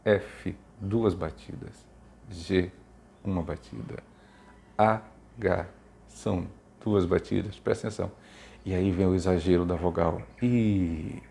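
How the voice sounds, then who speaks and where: A man's voice: deep voice, fairly even intonation, unhurried, vocal fry, long pauses, a little mellow, a little hiss or hum. A Brazilian man speaking informally to parents and teachers, explaining literacy tips and sounding out letters with emphasis. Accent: Brazilian Portuguese.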